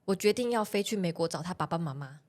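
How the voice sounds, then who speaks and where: A woman's voice: lowish voice, fast. Laughing woman telling stories. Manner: animated, laughs often while telling stories. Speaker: podcast guest. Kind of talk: casual storytelling chat.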